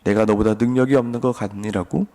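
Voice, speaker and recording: A man voicing God questioning a doubting believer, low and firm. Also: steady tone, fast, dark tone, lightly acted. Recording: long reverb.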